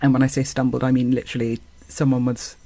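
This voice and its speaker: A man's voice: mid-range voice, level tone, fast talker, warm tone, no room sound. A man, an actor and singer, talking as a podcast guest in a thoughtful, hesitant way with many fillers. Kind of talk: casual conversation.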